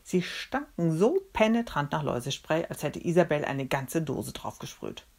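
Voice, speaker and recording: A woman reading a children's book aloud with expressive, dramatic storytelling. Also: low-pitched, moderate pace, slightly rough. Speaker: storybook reader.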